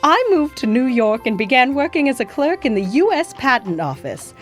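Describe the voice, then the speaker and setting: A woman acting as a gracious, proud nurse from history, speaking in a genteel, motherly way. The voice sits fairly high and moves a lot in pitch. Soft music plays faintly behind. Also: very animated, moderate pace. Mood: earnest. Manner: genteel, calls listener "my dear" and "darlings". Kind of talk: scripted educational acting.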